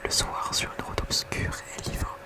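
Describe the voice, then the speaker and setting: A very quiet, night-time whisper reading poetry softly in an ASMR bedtime style. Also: moderate pace. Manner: hushed bedtime reading with casual whispered asides. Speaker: ASMR reader.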